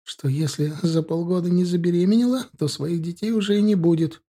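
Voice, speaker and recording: A man's voice: high-pitched, fairly quick, dark tone, voice pushed up. A man voicing a distraught, weepy middle-aged mother who pleads in a plaintive voice. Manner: plaintive, sobbing.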